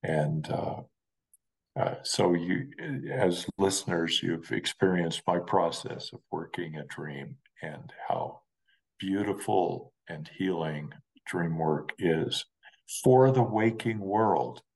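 A middle-aged man, a spiritual counselor and dream worker, co-hosting a reflective podcast chat, speaking in halting, searching phrases. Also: sits low, vocal fry, darkish tone, husky, low-quality recording. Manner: slow, halting, searching for words.

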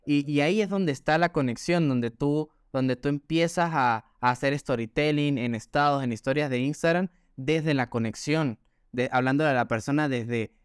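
This man has a Venezuelan Andean accent and co-hosts a casual podcast chat. His voice sits slightly high and sounds smooth and clear. He explains earnestly, often restarting his sentences. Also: normal speed, no echo, studio quality. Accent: Venezuelan Andean (gocho). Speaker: podcast co-host.

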